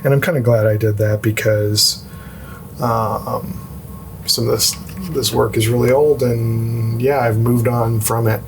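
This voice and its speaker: Hushed, creaky-voiced man vlogging quietly at night. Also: mid-range voice, flat delivery, unhurried, faint music behind. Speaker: art channel host. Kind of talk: casual sketchbook tour vlog.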